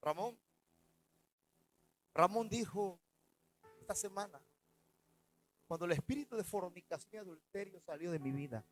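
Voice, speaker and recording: A man, a pastor preaching a sermon, swinging between loud and soft as he retells stories in the first person. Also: moderate pace, long pauses, rough recording. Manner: preaching with dramatic swings in loudness and pitch.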